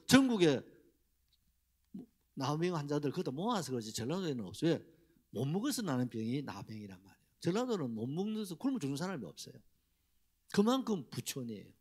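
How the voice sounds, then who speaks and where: Animated pastor preaching. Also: male voice, a little high. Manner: animated preaching with rhetorical questions to the congregation. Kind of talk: Sunday sermon. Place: church sanctuary.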